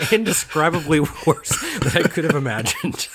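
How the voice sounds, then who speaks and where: A man's voice: high voice, background noise. Laughing, chatty male podcast host. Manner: chatty, self-mocking, laughs often. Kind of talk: casual chat.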